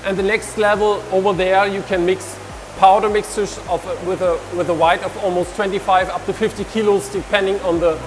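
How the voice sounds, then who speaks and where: A man's voice: sits high, little pitch movement, fairly quick, noisy background. Man touring a workshop. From Germany. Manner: explains with hand gestures, frequent restarts. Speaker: researcher giving a lab tour. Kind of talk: walking tour explanation. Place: large industrial hall, indoors. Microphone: lapel.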